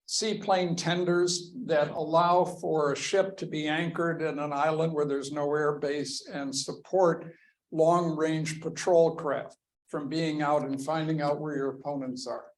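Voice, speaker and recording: A man giving a history lecture to a class, talking slowly and deliberately as he walks through slides. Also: a little high, fairly even intonation, low-quality recording. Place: lecture room with a class present.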